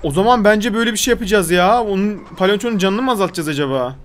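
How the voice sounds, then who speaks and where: A man's voice: high-pitched, very fast. A man. He sounds chatty and exasperated, and keeps scolding the character on screen. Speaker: gaming video host. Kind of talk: gameplay commentary.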